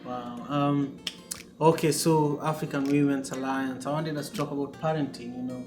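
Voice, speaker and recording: A man from Kenya, hosting an interview in a relaxed way, with lots of "you know"s. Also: mid-range voice, normal speed. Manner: relaxed, filler-heavy, many "you know"s. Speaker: podcast host. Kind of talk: casual interview. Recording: echoey room with guitar music behind.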